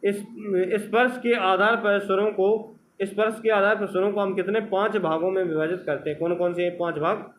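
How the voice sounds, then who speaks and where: A man's voice: high voice, steady tone, moderate pace, slight background noise, low-quality recording. A male teacher giving an exam-prep grammar lesson, asking questions and answering them himself, drawing out the sounds of letters.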